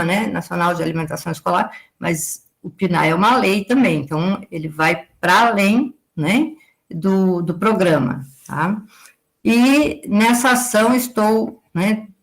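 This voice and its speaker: Speaking with a medium pitch and vocal fry, a southern Brazilian agricultural consultant in her forties gives a live lecture to students. She explains things at length, tacking a questioning "right?" onto her sentences.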